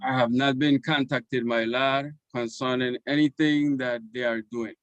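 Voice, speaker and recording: A man's voice: mid-range voice, steady tone, measured pace, dry recording, lo-fi sound. A man, a guest speaking in devotional Rastafarian phrasing with respectful forms of address. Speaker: interview guest. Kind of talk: conversational storytelling and letter reading in Rastafarian speech.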